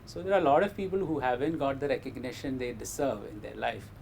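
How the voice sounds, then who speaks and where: A man with a polished, educated Indian accent speaks in a measured, modest way, as an interview guest would. His mid-pitched voice has a marked creak at the edges. There is faint noise behind him. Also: darkish tone. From Kerala, India. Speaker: interview guest, meteor scientist. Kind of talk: interview answers, personal career story.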